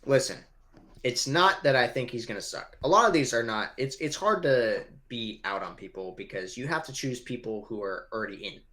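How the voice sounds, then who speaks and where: A man's voice: medium pitch, expressive, normal speed, fairly bright tone. A young man co-hosting a casual fantasy football show, talking loosely and animatedly with some swearing. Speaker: podcast co-host. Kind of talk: casual sports chat.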